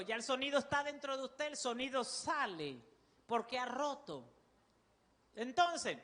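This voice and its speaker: Woman pastor, Panamanian Spanish accent, sermon delivery, bright and piercing. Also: high voice, long reverb tail. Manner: forceful, loud preaching voice; calls on the congregation to repeat.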